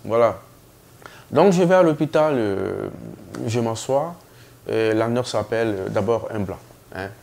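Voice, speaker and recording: A man telling a comic story with many fillers, animated, putting on high voices for the people he quotes. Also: vocal fry, slight background noise. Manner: slow, hesitant delivery with many fillers.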